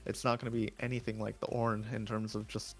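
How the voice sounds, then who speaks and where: A man breaks down a live esports draft in a loose, chatty way, full of fillers. His voice is going hoarse. Faint music plays behind him. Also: on the low side, level tone, a little fast. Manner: chatty, opinionated, many fillers. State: losing his voice. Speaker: esports analyst.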